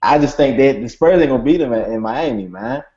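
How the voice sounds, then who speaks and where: A man's voice: medium pitch, very animated, brisk, creaky, warm tone. A man appearing as a guest on a casual sports podcast, easygoing in manner. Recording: dull lo-fi recording.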